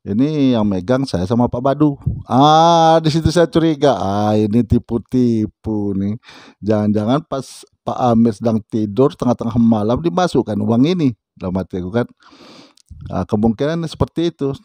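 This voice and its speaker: A man's voice: mid-range voice, expressive, moderate pace, dark tone, no room sound. A man casually telling a personal story, speaking conversationally and often turning to the listener with little asides. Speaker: storyteller recounting a personal experience.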